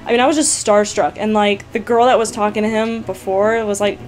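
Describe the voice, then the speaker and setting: Chatty excitable young woman vlogger. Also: mid-range voice, brisk. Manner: chatty and excitable, heavy use of "like" and "you guys". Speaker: gaming YouTuber answering viewer questions. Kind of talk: casual storytelling to camera.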